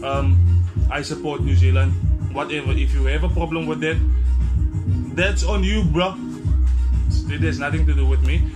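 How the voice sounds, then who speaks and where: Loud music plays behind a young South African man with a slightly high-pitched voice and an Afrikaans tinge to his accent. He talks casually to camera like a tutorial vlogger, blunt and slangy. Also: steady tone, normal speed, long pauses. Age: 20s. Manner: blunt, slangy, mildly sweary.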